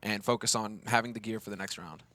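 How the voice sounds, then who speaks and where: A male color commentator rattles off excitable analysis at a rapid clip. He jokes between points. A faint hiss runs under the voice. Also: lowish voice. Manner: excitable, joking, fast-talking.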